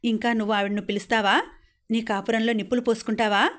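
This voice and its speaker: A woman's voice: a little high, level tone, fast, a bit bright, lightly acted. A woman reading the lines of an angry, defiant teenage son in a storybook reading, delivered with scorn. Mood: scornful. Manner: scornful, sneering.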